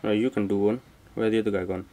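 Quick and fairly even in intonation, a man with a rather low, mellow voice mutters casual, slang-heavy reactions while hosting a gaming let's play. His mic isn't close, and faint background noise can be heard.

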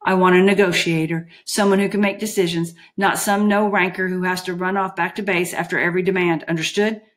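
A woman voicing a huge, calm, menacing male bodyguard who speaks in clipped, commanding, dry sentences. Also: on the low side, brisk, natural voice. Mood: stern.

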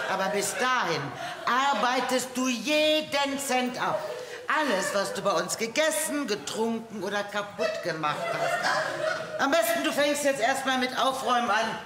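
A man's voice: very high-pitched, expressive, moderate pace. Man as sly old grandpa, stage comedy, reverberant hall, background noise. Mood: bossy. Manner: teasing and sly. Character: wily cheeky old grandfather. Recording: echoey theatre with audience laughter.

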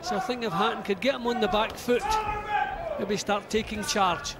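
A man's voice: sits high, fairly even intonation, normal speed, heavy background noise. A man giving coaching-style expert analysis during a live boxing fight. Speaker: boxing pundit. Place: ringside at an indoor boxing arena. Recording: loud arena crowd behind.

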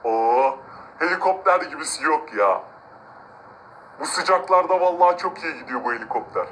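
A man's voice: on the high side, expressive, moderate pace, a bit bright, slight background noise, rough recording. A man voicing an arrogant, cruel rich man who gloats, mocks and threatens villagers in a game-video drama. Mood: mocking. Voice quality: gloating, mocking laughs. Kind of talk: amateur game role-play narration.

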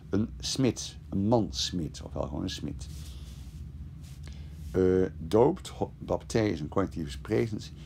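A man's voice: sits low, creaky, a little mellow, slight background noise. A man teaching a lesson, translating verse word by word and thinking aloud as he explains the grammar. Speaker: classics teacher.

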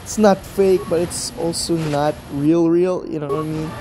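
A gaming YouTuber with a hoarse voice, rambling through casual gameplay commentary in a nearly empty room and laughing after almost every line. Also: medium pitch, steady tone, moderate pace, background noise. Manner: laughs constantly as a habit; rambling, chatty rants. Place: mostly empty room as makeshift studio.

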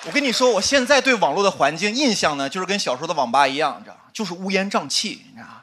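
A man with a high, bouncy voice rattles through a stand-up set at speed, leaning on the crowd with a constant "you know?". Loud audience laughter and noise fill the studio around him. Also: sing-song, rapid-fire. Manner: chatty, keeps asking "you know?". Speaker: stand-up comedian. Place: studio stage with live audience.

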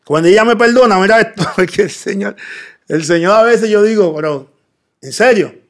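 Man, gravelly, slightly high, earnest testimony. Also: fairly quick. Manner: earnest storytelling, quoting himself in dialogue. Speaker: interview guest. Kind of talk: personal testimony in interview.

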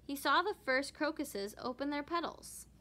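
A woman teacher reading a children's picture book aloud with expressive narration. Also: sits high, moderate pace. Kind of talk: storybook read-aloud.

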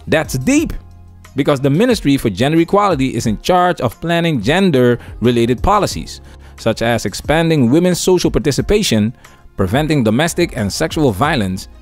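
A man hosting an opinion news commentary show, talking through clips and reacting to them. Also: medium pitch. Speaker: host of a commentary channel.

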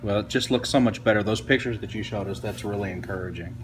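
A man's voice: on the low side, quick pace, noisy background. A man with an American accent, a doctor chatting casually with patients and often reassuring them. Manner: reassuring, lots of mm-hmms. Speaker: doctor and show host. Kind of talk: casual bedside chat.

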